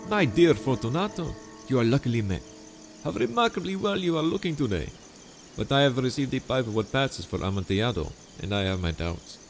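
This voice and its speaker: A man voicing a crafty nobleman who flatters and feigns concern in a smooth, mock-solicitous way. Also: medium pitch, brisk, faint music behind, voice pushed up, close to an everyday voice. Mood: flattering.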